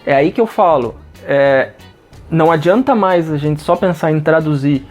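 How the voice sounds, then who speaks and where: A Brazilian man with a Brazilian Portuguese accent, teaching English phrases in a casual lesson and repeating them slowly. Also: on the high side, a little mellow, faint music behind.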